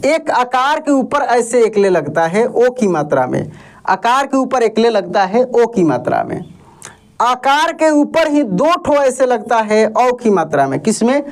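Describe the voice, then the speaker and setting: A Hindi teacher with a very high-pitched, sing-song voice gives an online lesson at a slightly slow pace. He patiently asks questions and answers them himself, reassuring learners and telling them not to worry.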